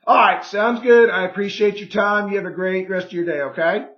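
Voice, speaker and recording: Hoarse high-voiced man pitching on a call. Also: steady tone, a little fast, roomy sound, dull audio. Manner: persuasive, pushy, repeats "okay?" and "right?"; clears throat often. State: hoarse, losing his voice. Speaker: real estate agent on a sales call. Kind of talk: phone sales call.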